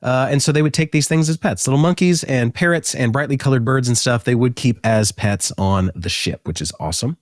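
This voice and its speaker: A man hosting a casual educational talk, animated and joking, with frequent fillers. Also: medium pitch, fairly quick, few pauses, no echo, studio quality. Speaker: host.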